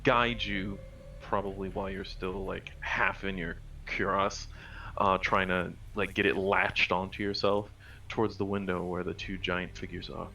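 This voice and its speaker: A man's voice: low voice, little pitch movement, measured pace, gravelly, pushed and bright, recorded from a distance, poor audio. A man playing a tabletop game, explaining things in a casual, hedging way with many fillers. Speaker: player.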